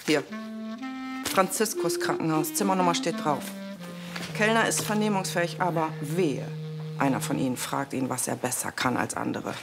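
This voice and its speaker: A brisk, stern police superior. Her voice is very low and clipped. Loud music plays under her lines. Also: vocal fry. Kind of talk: TV crime drama acting.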